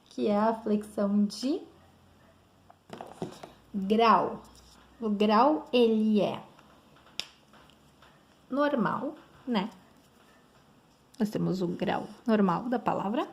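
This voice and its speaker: A woman's voice: mid-range voice, extremely slow, creaky, pauses often. A woman with a Brazilian Portuguese accent teaching grammar in an online lesson, explaining step by step and checking in often with her students.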